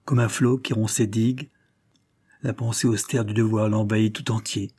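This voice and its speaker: A man narrating a classic novel in a measured, dramatic reading. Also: on the low side, flat delivery, darkish tone, husky. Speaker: audiobook narrator.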